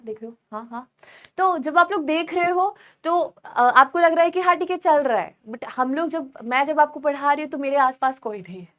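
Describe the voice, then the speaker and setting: A woman's voice: high voice, fairly bright tone. A young woman teaching a recorded grammar lesson alone in a room, chatty, mixing Hindi and English and often asking her learners questions. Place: room with no one else present.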